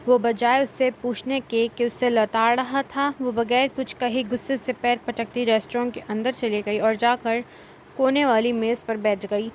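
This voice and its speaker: A woman narrating a novel as an audiobook reader, in steady storytelling. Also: fairly high pitch, a little hiss or hum, poor audio. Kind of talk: novel reading.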